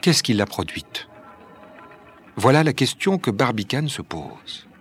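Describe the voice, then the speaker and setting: A man narrating an adventure storybook in a measured, clear reading voice. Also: medium pitch, big pitch swings, soft background music.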